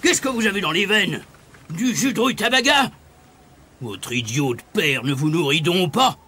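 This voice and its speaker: Man putting on a gruff old bogeyman grandpa. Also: high voice, expressive, moderate pace, pushed and bright, a little hiss or hum, pitched above the performer's own voice. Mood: urgent. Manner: scolding, blustery, sneering. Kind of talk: storybook reading.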